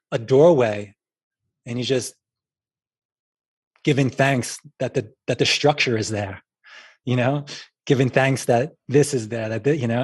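A guest in a casual chat, this man has a husky, slightly breathy, mid-range voice with a darkish tone. He rambles, restarts sentences, and leans on fillers, recorded dry and close with no room sound.

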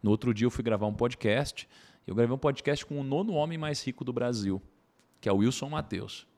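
A man, a podcast guest telling a personal story in animated casual conversation. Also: medium pitch. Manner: animated, tags sentences with quick asides.

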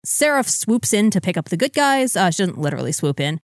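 A woman co-hosting a podcast, casually recapping comics with wry jokes and quick asides. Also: medium pitch, sing-song, dry recording, studio quality. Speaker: podcast co-host.

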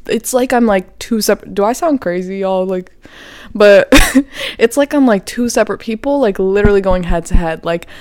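Chatty young woman with a smooth voice. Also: medium pitch, moderate pace, a little mellow, dry recording, studio quality. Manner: chatty, profane, says "like" a lot, laughs often. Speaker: podcast host. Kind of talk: casual solo podcast talk.

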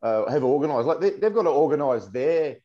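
Animated Australian man, slightly muffled. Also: on the high side, brisk. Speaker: podcast panellist. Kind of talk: casual sports debate. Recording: slightly dull, lo-fi audio.

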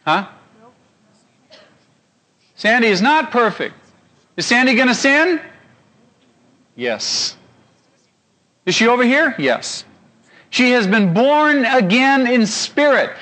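Lively high-voiced man preaching. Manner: animated, keeps asking the audience questions. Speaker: pastor. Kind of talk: sermon.

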